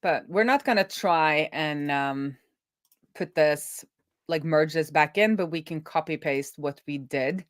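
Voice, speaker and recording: In a low, unhurried voice, a woman web developer thinks aloud casually while hosting a coding livestream. The recording is dry and studio quality.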